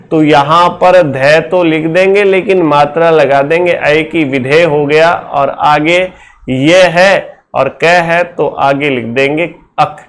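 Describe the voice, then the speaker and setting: A male teacher with a fairly high voice leads a classroom lecture at a measured, unhurried pace. He works through each step slowly and keeps throwing quick questions back at his students to check they follow. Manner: explains step by step with constant rhetorical questions to students.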